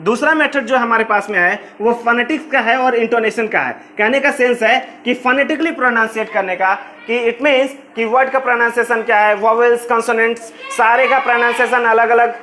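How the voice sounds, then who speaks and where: A man's voice: very high-pitched, steady tone, fairly quick, hardly any pauses, pushed and bright, a little hiss or hum. A man teaching an exam-prep lecture on English teaching methods, explaining in Hindi mixed with English terms and repeating key phrases.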